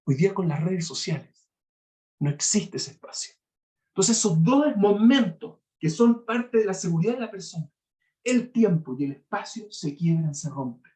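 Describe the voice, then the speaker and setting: Chilean man giving a mellow, animated talk. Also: high-pitched, moderate pace. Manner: acts out scenes with raised voice. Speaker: university lecturer. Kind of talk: lively educational talk.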